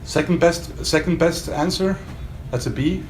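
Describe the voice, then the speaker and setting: This man has a fairly high, unhurried voice as he gives an emphatic, off-the-cuff demo for a loudspeaker maker, throwing rhetorical questions at a small group. It was recorded in a hotel demo room, sounding roomy with faint background noise.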